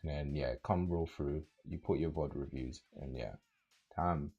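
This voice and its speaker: A young man with a London accent chatting casually with viewers on a livestream, relaxed and rambling with many fillers. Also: a bass voice, measured pace, breathy edge, highs cut off, soft background music. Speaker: streamer.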